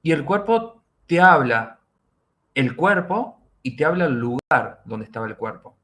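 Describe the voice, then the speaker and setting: This middle-aged Argentine man, a forensic doctor appearing as a podcast guest, explains his work and repeats key phrases for emphasis. His voice is on the high side, bright and forceful, with lively intonation and a slightly slow pace.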